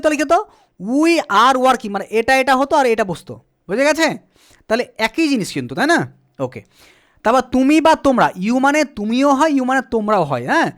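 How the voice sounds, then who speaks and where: A male teacher explaining grammar in a patient, repetitive way, asking questions and answering them himself, sometimes spelling words out slowly letter by letter. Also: very high-pitched, a bit bright. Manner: asks and answers his own questions. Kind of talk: spoken English grammar lesson.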